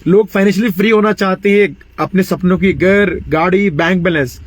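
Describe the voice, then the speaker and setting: A man in his late twenties with a slightly high voice gives an upbeat pitch for a money-making scheme, speaking straight to his viewers. He mixes in English phrases, keeps dropping "you know" and clears his throat often. The recording is close and completely dry. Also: normal speed, no room sound. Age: 20s. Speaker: network marketing promoter. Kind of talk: persuasive motivational sales pitch to viewers.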